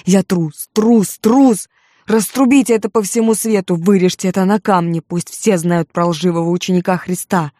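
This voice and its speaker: A woman voicing a hoarse, guilt-wracked male disciple in an audiobook, shouting in anguish. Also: fairly low pitch, slow pace, no room sound, studio quality. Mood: raging. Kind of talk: audiobook character voice.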